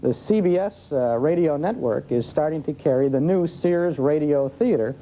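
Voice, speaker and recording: As the guest expert on old-time radio in a live TV interview, an American man speaks to a studio audience at a moderate pace. His voice is a little high with a dark tone, his explanations are conversational, and the recording is a noisy vintage broadcast.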